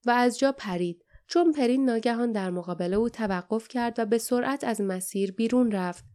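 A woman reading an audiobook as narrator, telling the story in a calm, even way. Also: fairly high pitch. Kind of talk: scripted narration.

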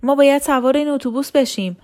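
A woman's voice: sits high, pitched above the performer's own voice, natural voice. A woman reading a storybook, voicing a frightened young woman who pleads with guards in a trembling voice. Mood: pleading, shaken.

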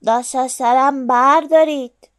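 A woman's voice: high-pitched, big pitch swings, no room sound, clean studio sound, voice pushed up. A woman voicing a grumpy, tired bear in a children's storybook, complaining and pleading.

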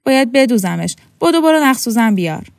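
A woman voicing a hefty, loud, domineering woman who mocks and threatens in coarse speech. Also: fairly high pitch, big pitch swings, gravelly, no room sound, clean studio sound. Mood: bossy.

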